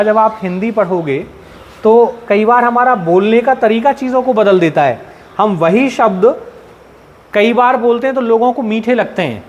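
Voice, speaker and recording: A male teacher from central India giving a classroom lecture, explaining step by step with everyday examples and constantly asking his students questions. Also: high voice.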